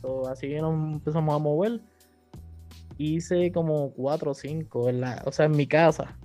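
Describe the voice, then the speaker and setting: A man with a Puerto Rican accent talks through a casual interview. His voice sits a bit high but sounds mellow and dark. He slips English words into slangy speech, and faint music plays underneath. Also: steady tone, unhurried. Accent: Puerto Rican Spanish. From Puerto Rico. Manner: slangy, mixes English words in, acts out quotes. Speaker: podcast guest, platform founder.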